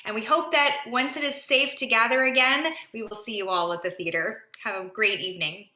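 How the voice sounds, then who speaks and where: A woman's voice: a little high, brisk, sharp tone. A woman representing a theater company, giving an earnest, sincere speech at an online event. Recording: echoey room.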